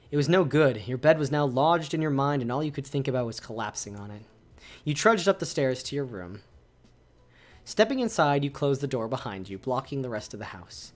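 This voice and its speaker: A male streamer reading a visual novel aloud, reacting animatedly to its choices. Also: medium pitch.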